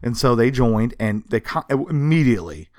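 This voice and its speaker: Speaking at a moderate pace in a mid-range voice with lively intonation, a male podcast co-host walks through comics history casually and with emphasis, adding sarcasm and a few swears. The studio-quality audio has no echo.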